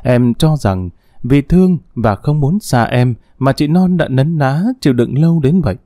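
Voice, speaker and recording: A male audiobook storyteller with a mellow, dark voice, reading at a calm, measured pace with quiet feeling. The sound is dry and close, with no room around it. His pitch sits in an ordinary middle range. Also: dry recording. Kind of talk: dramatic audiobook narration.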